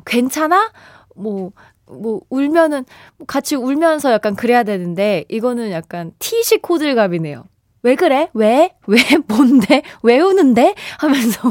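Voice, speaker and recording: Woman radio host, 30s, playful and lively, slightly high voice, dry booth sound. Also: no room sound. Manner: bright and lively, laughs often, playful exaggerated reactions. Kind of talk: radio show hosting, reading listener messages. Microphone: studio microphone. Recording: dry studio sound with faint music bed.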